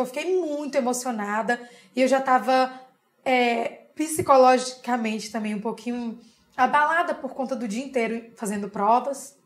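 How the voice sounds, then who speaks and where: A young Brazilian woman, an interview guest, telling a personal story in a lively way and often adding tag questions. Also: sits high. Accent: Brazilian Portuguese.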